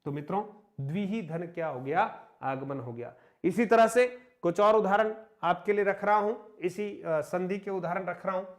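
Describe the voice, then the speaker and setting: A man teaching a Hindi grammar lesson, slowly dictating example words, repeating them, asking questions and answering them himself. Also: high voice. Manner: slow, repetitive dictation of example words, often addressing "मित्रों". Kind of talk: online exam-prep grammar lesson.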